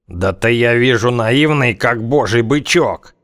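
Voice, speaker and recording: A man voicing a tough, slang-talking gunman who threatens and mocks in a slow drawl. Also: mid-range voice, fairly bright tone, pitched above the performer's own voice, lightly acted. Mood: menacing mockery. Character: tough slangy male gunman, menacing, scornful.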